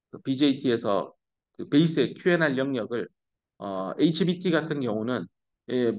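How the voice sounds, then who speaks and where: A man's voice: mid-range voice, darkish tone. A middle-aged male professor giving a lecture, explaining step by step and mixing English technical terms into casual asides. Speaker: university professor. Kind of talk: recorded lecture. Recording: dull lo-fi classroom recording.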